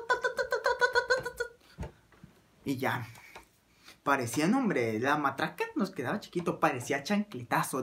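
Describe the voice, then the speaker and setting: A man with a Mexican accent telling a comic anecdote in a crude, slangy, animated way. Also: fairly high pitch, slight background noise. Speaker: storyteller.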